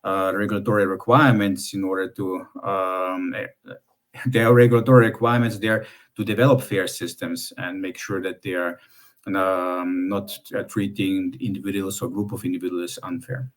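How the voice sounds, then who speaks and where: Halting, explanatory man with a lower voice. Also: fairly even intonation. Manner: explanatory, halting with many restarts. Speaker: panel expert. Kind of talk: panel discussion.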